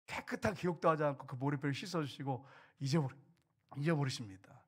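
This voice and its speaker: A man's voice: fairly high pitch, quick pace, husky. A middle-aged male pastor giving a sermon in a church, conversational and questioning, acting out quoted voices. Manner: conversational preaching, asks the congregation questions, voices quoted speech. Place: church sanctuary pulpit.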